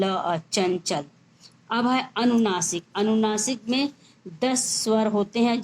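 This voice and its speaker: Slow woman teacher spelling words out. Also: mid-range voice, a little mellow, a little hiss or hum, low-quality recording. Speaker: school teacher. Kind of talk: grammar lesson.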